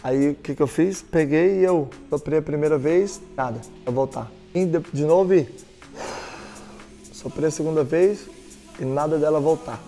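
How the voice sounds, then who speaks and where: A man's voice: a little high, normal speed, warm tone, faint music behind. A man from Brazil giving a motivational talk as a speaker, telling his story emphatically and speaking straight to the listener.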